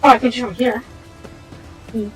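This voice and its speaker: A woman's voice: on the high side, steady tone, moderate pace, soft background music, rough recording. A woman streaming a video game, chatting casually as she plays and reading the game's text aloud, sometimes stumbling over the words.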